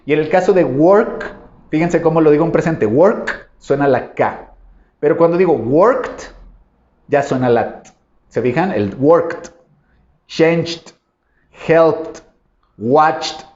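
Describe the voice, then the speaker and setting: A man's voice: fairly high pitch, warm tone. A man teaching English in an online lesson, patiently explaining rules and drawing out example words to show their sounds. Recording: roomy echo, dull lo-fi sound.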